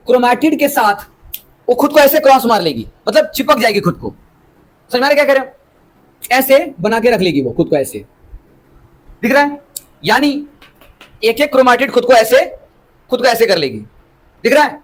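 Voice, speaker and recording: A man's voice: extremely high pitch, low-quality recording. A man teaching biology in with English terms, lecturing a class and keeping students engaged by asking them rhetorical questions. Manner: explains with homely examples.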